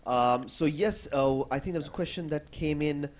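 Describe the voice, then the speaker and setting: A man's voice: fairly high pitch, moderate pace, a little hiss or hum. A man hosting a live stream, announcing questions and breaks, with frequent fillers. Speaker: stream host.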